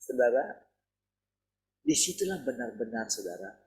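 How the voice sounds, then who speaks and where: A man's voice: medium pitch, huge pitch swings, normal speed, vocal fry, slightly rough, low-quality recording. A man preaching a sermon in a conversational way, often turning to address his listeners directly.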